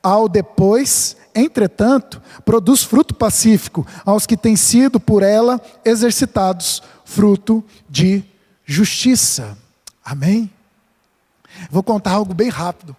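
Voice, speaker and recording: A pastor from São Paulo state preaches in a voice pitched high for a man, earnest and emphatic. He mixes scripture with light-hearted stories from his own life. His words ring out in the long reverb of a church sanctuary. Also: a little slow, darkish tone. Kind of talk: sermon.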